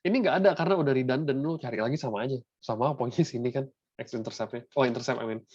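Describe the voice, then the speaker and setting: A young man with an Indonesian accent teaches a maths lesson that mixes Indonesian and English, keeping it casual and chatty while often checking that students are following. His mid-range voice is darkish with a breathy edge and a quick pace, and the recording sounds dull and dry with no echo.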